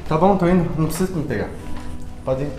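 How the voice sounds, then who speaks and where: A man's voice: a little high, fast, roomy sound, over loud music, natural voice. A man playing a curt, impatient father. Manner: curt, insistent. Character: stern divorced father, adult man, impatient.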